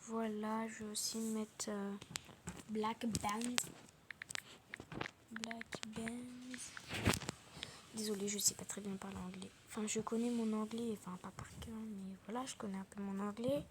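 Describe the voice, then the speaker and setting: A young female video creator chatting casually while playing a game, speaking softly and often half-whispering, with many fillers. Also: medium pitch, flat delivery, brisk, few pauses, background noise. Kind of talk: casual gameplay chat.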